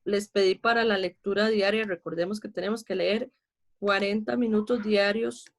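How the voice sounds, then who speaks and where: A woman's voice: mid-range voice, fairly even intonation, normal speed. A Costa Rican woman teaching an online class, patiently explaining poetry meter step by step and counting syllables aloud. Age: adult with a child.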